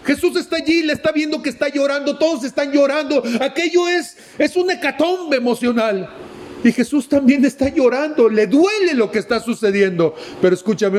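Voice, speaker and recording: Impassioned high-voiced preacher man. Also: expressive, brisk, a little mellow. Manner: emphatic, swinging between high exclamations and low drops; addresses listener directly with questions. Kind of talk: sermon.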